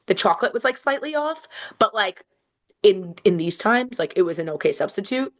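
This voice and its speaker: A young woman co-hosting a podcast, ranting in an animated, exasperated way with casual swearing. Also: mid-range voice, moderate pace. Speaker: podcast co-host. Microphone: home recording, on camera.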